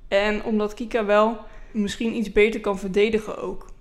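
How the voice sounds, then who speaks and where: A woman talks through football matches in a relaxed podcast chat. Her pitch stays flat and even. She explains her points patiently and at length, like an analyst. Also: moderate pace. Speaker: women's football pundit. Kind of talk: casual podcast discussion.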